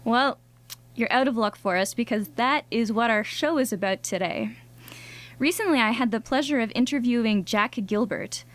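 A woman co-hosting a science radio show in a studio, explaining things conversationally in a bright, curious manner. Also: on the high side. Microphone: studio microphone.

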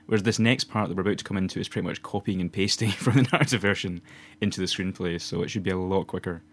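A man's voice: low-pitched, fairly even intonation, fast talker. A Glaswegian man in his twenties, co-hosting a casual podcast chat, rambling and laughing often. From Scotland. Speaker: podcast co-host.

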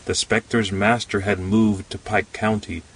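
A man narrating a story aloud in a calm, measured way. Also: on the low side, breathy edge, far from the mic, rough recording. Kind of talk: storybook reading.

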